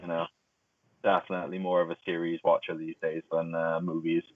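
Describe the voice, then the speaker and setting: Give me a young man with a lower voice, heard over a thin, phone-like call with a bad connection, chatting and rambling casually. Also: monotone, fairly quick, dry recording. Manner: rambling, laughs easily, restarts words. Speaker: podcast co-host. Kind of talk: casual chat among friends. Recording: tinny phone-like call audio, dry.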